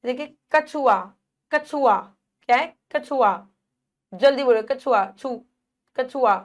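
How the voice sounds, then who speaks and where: A woman's voice: high voice, takes it slowly. A woman teacher giving a Hindi phonics lesson to young children, repeating words and stretching the vowel sounds, asking questions and answering them herself.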